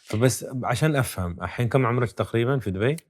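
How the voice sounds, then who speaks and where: A man's voice: medium pitch, expressive, racing. A man hosting an interview, asking short probing questions and giving brief acknowledgments. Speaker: interview host.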